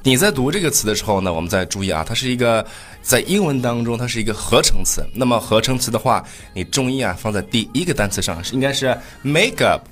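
A man hosting a casual podcast lesson, patiently explaining pronunciation and slowly repeating example phrases. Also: mid-range voice, lively intonation, fairly bright tone, soft background music. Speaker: host and pronunciation teacher.

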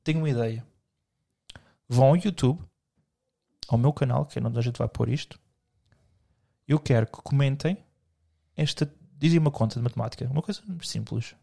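A man's voice: medium pitch, moderate pace, gravelly, long pauses, dark tone. A young man with a European Portuguese accent, co-hosting a podcast in rambling, joking casual chat full of slang. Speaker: podcast co-host.

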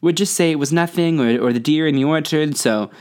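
A woman's voice: deep voice, brisk, a little mellow. A woman co-hosting a casual podcast, joking crudely, laughing often and reading a listener's story aloud. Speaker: podcast co-host. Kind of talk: casual tipsy banter.

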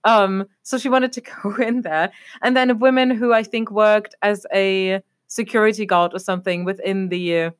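Young adult woman from Germany, podcast co-host, casual rambling chat full of fillers, middle pitch. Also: steady tone, normal speed, clean tone. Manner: rambling, leans on fillers like "obviously" and "a whole thing".

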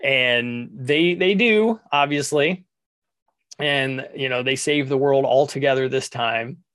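A man's voice: medium pitch, slow, fairly bright tone. A man hosting a podcast, chatting casually and rambling through a retelling with lots of fillers. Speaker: podcast host. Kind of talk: casual chat.

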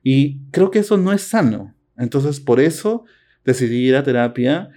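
Un hombre con acento peruano que, como copresentador, habla de forma reflexiva y bromista en una charla casual, con muchas muletillas. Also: male voice, mid-range voice, lively intonation, normal speed, dark tone. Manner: reflective, teasing, with many fillers. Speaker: podcast co-host. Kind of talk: casual conversation.

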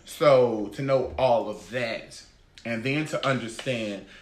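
A man's voice: mid-range voice, takes it slowly. Male host, 30s, blunt and emphatic, echoey room with faint hiss. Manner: blunt, emphatic, swears freely. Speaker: podcast host. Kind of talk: casual roundtable chat.

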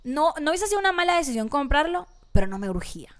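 A woman co-hosting a casual chat, telling candid stories in an animated way. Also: high-pitched, quick pace. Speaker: podcast co-host.

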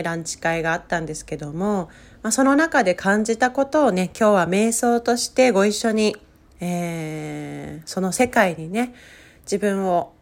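A woman coach leading a guided breathing meditation in a soothing, gentle manner with drawn-out instructions. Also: mid-range voice.

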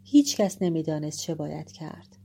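Husky low-voiced woman telling an epic. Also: animated, mellow. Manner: measured, dramatic, shifting pace for suspense. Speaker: storyteller. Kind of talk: expressive narration of an epic tale.

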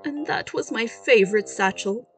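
A woman's voice: a little high, lively intonation, moderate pace, natural voice. A woman reading aloud plays a whimsical gray-haired king with a childlike streak, pleading and pouting like a boy who wants a pet. His lines come a bit raised and eager, with faint music far behind. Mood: sulky. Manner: pleading, wheedling, pouty.

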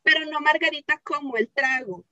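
A woman's voice: high voice, moderate pace, sharp tone, no room sound, highs cut off. A Costa Rican woman co-hosting a casual podcast chat, emphatic, dropping English phrases into her Spanish in Spanglish. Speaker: podcast co-host.

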